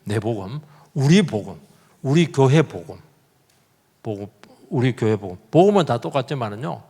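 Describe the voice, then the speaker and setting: A man's voice: mid-range voice, lively intonation, normal speed, dark tone, husky. A middle-aged male pastor delivering a sermon in a conversational way, asking rhetorical questions and acting out everyday quotes. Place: church sanctuary. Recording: long reverb of a church hall.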